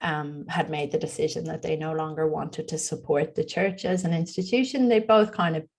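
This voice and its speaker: A woman's voice: low-pitched, fairly even intonation, normal speed, a little mellow, husky. A woman in her forties with a Dublin Irish accent, chatting openly as a podcast guest with plenty of ums and likes. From Ireland. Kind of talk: casual interview chat.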